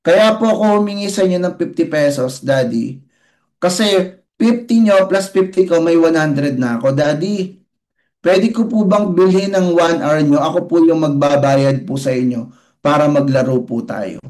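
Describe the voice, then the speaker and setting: Man doing a playful eight-year-old boy, high sing-song begging, very high voice, storytelling voice. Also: moderate pace, a little mellow, close to an everyday voice. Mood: earnest.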